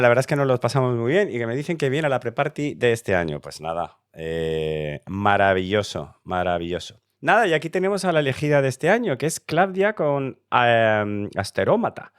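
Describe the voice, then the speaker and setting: Chatty and enthusiastic, a Spanish Eurovision reaction YouTuber talks casually through a song contest entry, with fillers and restarts. His medium-pitched voice is smooth, with lively intonation and a moderate pace, recorded in clean studio sound without echo.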